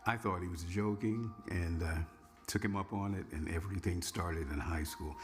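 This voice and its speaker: A man in his sixties, once a radio news reader and DJ, tells his story casually in an interview, relaxed and reminiscing in a conversational way. His voice is low and moderately paced, with faint music behind him.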